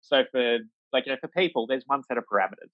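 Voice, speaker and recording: A man with a medium-pitched, lively voice talks quickly as an interview guest about his life as a vet. He rambles with lots of fillers and imitates the people he quotes, in a dry, slightly dull recording.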